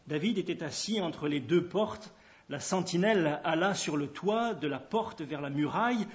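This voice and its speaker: A man reading scripture aloud at a steady pace, with occasional hesitations. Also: a little high, normal speed. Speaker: reader. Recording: dull lo-fi recording.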